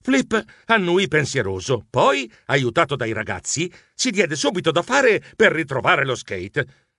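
A man narrating a children's story in an animated, playful way. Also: a little high, unhurried, no echo, clean studio sound. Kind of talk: audiobook narration.

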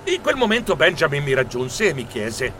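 A man narrating a children's book in a lively, theatrical way. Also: a little high, moderate pace, a little hiss or hum. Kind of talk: expressive audiobook narration.

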